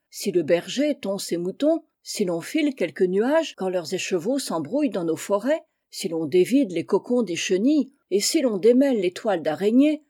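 A woman's voice: medium pitch, mellow, close to an everyday voice. A woman voicing a very old village grandfather in a read-aloud tale, lifting her voice for him.

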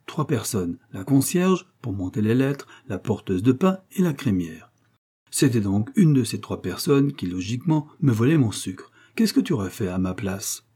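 A man voicing a pompous, doddering elderly gentleman who lectures his friend with boastful, self-satisfied reasoning in a storybook reading. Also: medium pitch, big pitch swings, moderate pace, breathy edge.

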